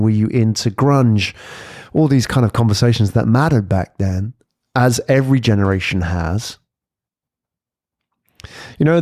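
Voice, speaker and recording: The recording is dry and studio quality, carrying a fairly low, darkish male voice. He's a podcast host in his forties, talking conversationally and reflectively, and he likes rhetorical questions and tags.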